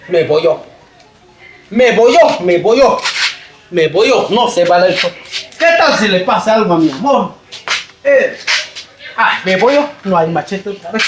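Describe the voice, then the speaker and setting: A fretful village woman who mutters to herself and bursts out in exclamations, talking slowly with a lively, swinging pitch, as a performer puts her on. The voice rings in an echoey room. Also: background noise. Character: fussy village woman cooking tamales. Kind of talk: comedy sketch acting.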